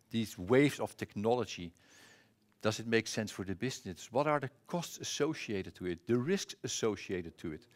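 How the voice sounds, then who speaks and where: A middle-aged man from the Netherlands with a Dutch accent, giving a casual conference presentation on a presentation mic, often pausing with filler sounds and restarts. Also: medium pitch. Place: conference room.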